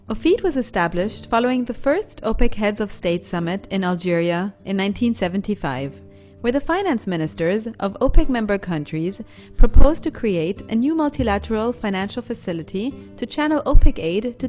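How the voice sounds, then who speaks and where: A young woman in her twenties reads a scripted narration at a measured, even pace. Her pitch sits in a middle range, and faint guitar music plays underneath her. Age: 20s. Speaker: narrator from the organization.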